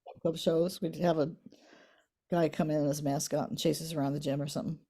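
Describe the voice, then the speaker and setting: A woman in her eighties, reminiscing in a casual family interview, soft-spoken, her voice trailing off quietly at the ends of lines. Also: low-pitched, little pitch movement, fairly quick, husky. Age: 80s. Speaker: interviewee, the mother.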